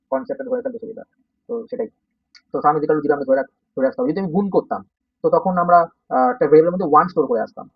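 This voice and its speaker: A man teaching a coding lesson in a Bengali accent, speaking softly because of a sore throat and often checking that students follow. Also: fairly high pitch, husky, no room sound. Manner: informal, checks understanding often. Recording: dull, dry, slightly distant.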